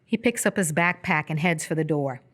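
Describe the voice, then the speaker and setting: As narrator of a live radio play, a woman reads the scripted stage directions in a descriptive, measured way. Her voice is low-pitched with a slight brightness.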